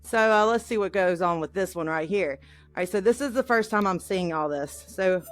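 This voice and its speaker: A woman streaming a live first-reaction vlog from a VR app, talking to her viewers and gushing with excitement. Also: on the low side, normal speed, no echo. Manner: excitable, gushing exclamations, calls viewers y'all. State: shaky and overwhelmed with excitement. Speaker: VR vlogger.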